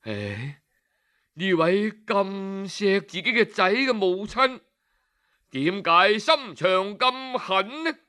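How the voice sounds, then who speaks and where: A man with a Cantonese accent tells a historical tale in traditional storytelling style, his smooth, sharp voice slow and full of big pitch swings. He is dramatic, sighing between phrases and shifting pitch for the figures he quotes.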